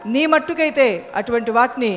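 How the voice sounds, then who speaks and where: Woman preacher, sermon, rhetorical questions, soft music underneath. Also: a little high, normal speed. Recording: long hall reverb, faint music.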